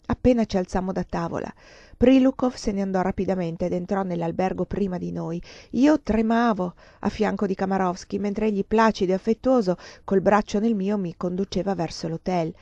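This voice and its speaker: A woman reading a novel aloud in a steady storytelling manner. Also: medium pitch, a little fast, vocal fry, no echo. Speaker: reader. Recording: dull lo-fi dry recording.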